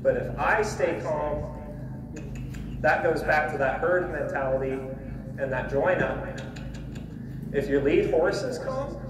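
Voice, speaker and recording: An American man with a folksy, plain-spoken manner, giving casual instruction as a horse trainer while he works. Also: a little high. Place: live horse-trailer loading demonstration. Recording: distant, echoey, noisy live demo audio.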